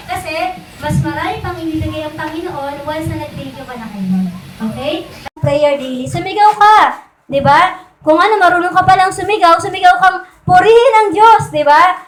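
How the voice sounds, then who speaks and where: A woman preaching a sermon in a conversational way, often checking in with her listeners through quick rhetorical questions. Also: sits high, background noise. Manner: conversational, repeats and restarts points. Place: church meeting room. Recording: echoey room.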